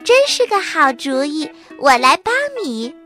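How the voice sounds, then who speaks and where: A woman voicing a helpful, clever young schoolgirl in a children's storybook, in a sweet, high voice. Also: lively intonation, a little slow, pushed and bright, faint music behind, exaggerated voice. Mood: chirpy. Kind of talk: children's audiobook reading.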